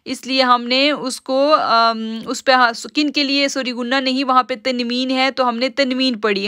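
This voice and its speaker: High, bright-voiced woman teaching recitation. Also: clean tone, dry recording, clean studio sound. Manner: patient, step-by-step explaining, drawn-out slow recitation of words. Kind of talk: live-streamed tajweed lesson.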